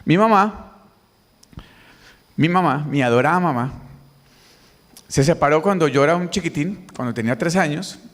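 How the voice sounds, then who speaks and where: A middle-aged man with a Colombian accent gives a motivational conference talk and keeps drawing answers from the audience. His voice sits fairly high. The long reverb of a large hall hangs behind every phrase. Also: moderate pace, pauses often. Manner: lively, questions the audience directly. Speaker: motivational speaker. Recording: reverberant hall, mic on stage.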